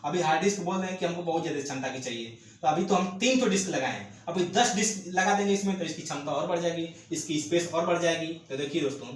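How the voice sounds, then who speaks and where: A man's voice: a little high, fast, few pauses. A man teaching a computer lesson for exam candidates, repeating each point and posing questions to the class before answering them himself. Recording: very echoey room with faint ambient noise.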